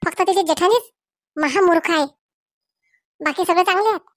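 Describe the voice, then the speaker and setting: High-pitched woman in rustic comic skit. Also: moderate pace, fairly bright tone, no echo, clean studio sound. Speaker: comedy sketch performer. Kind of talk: comic village skit acting.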